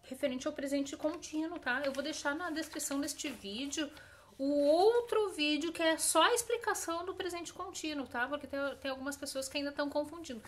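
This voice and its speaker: A woman English teacher, giving a recorded online lesson, patiently repeating examples slowly with emphasis and checking in often with short tag questions. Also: sits high, slight background noise.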